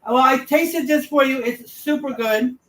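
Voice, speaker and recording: A woman's voice: sits high, a little slow, fairly bright tone. Chatty woman hosting a live home cooking stream. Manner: chatty, talks straight to viewers. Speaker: home cooking livestream host. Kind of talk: casual live cooking chat. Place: home kitchen. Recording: roomy and a bit distant, faint hiss.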